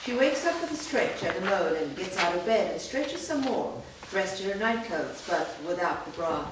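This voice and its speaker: Heard from a distance in an echoey room, this woman recites stage directions from a screenplay in a steady, matter-of-fact staged reading. Her pitch is fairly low and her delivery sing-song at a normal speed, over a noisy background.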